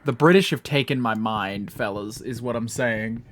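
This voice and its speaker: Faint music plays behind this mid-range male voice, which moves at a moderate pace. He's a young man from the United States casually rambling through his game stream, mocking himself and cursing freely.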